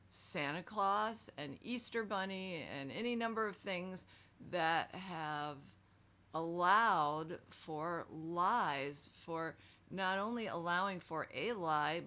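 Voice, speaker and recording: A woman's voice: fairly low pitch, sharp tone. A middle-aged woman talking casually and emphatically in a self-help video, frank and conversational.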